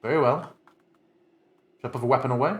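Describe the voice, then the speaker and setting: A man's voice: mid-range voice, a little fast, husky, lightly acted. A man playing a wary male knight in a tabletop game, speaking formally and cautiously.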